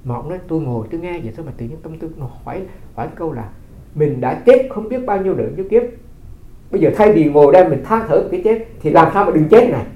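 Male monk, quick conversational dharma talk, slightly high voice, roomy recording. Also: gravelly, mellow. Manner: conversational storytelling with rhetorical questions. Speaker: Buddhist monk.

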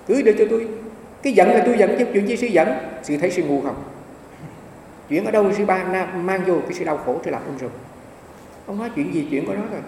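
Monk in a booming echoey hall. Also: male voice, a little mellow. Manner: rambling, repeats small words often. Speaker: Buddhist monk. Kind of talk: dharma talk with anecdotes. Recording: echoey hall, mic far off, faint hiss.

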